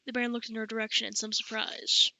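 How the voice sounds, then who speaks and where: A woman narrating an audiobook in a bright, forward voice, pitched a little high. She catches her reading slips and corrects them aloud, all recorded close and dry. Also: monotone, fast, no echo, low-quality recording. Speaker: audiobook reader.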